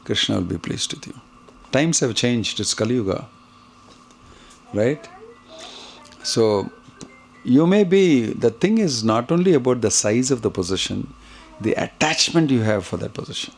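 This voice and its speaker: A man's voice: mid-range voice, big pitch swings, unhurried, pauses often. A man with an Indian accent giving a devotional question-and-answer lecture as a spiritual teacher, didactic and emphatic. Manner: didactic, emphatic, mixing in Hindi phrases. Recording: clear background noise.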